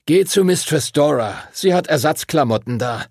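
A man playing a gruff, impatient teacher. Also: fairly high pitch, expressive, moderate pace, darkish tone, no room sound, clean studio sound, pitched above the performer's own voice. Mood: grumbling. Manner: grumbling and curt.

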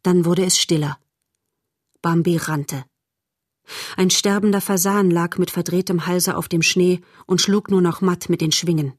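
A woman narrating a storybook in a measured, calm way. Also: on the low side, no room sound, clean studio sound. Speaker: audiobook narrator.

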